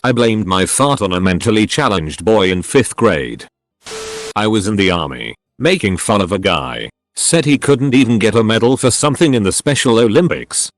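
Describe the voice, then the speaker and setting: A man reading out short first-person stories as scripted narration, with an animated storytelling delivery. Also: fairly low pitch, moderate pace, dry recording.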